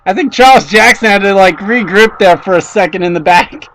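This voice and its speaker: A man with a high voice calling a race play-by-play. He reels off positions and names, then gets excited and loud when cars bang together. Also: a little fast, slight background noise, rough recording. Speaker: race commentator. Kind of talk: play-by-play commentary.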